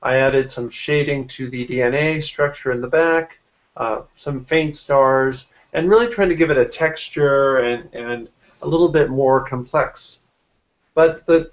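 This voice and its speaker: A man in his forties who works as a graphic artist explains his work in a casual interview, joining by video call from a room in his home. His voice is medium in pitch and comes through a computer microphone.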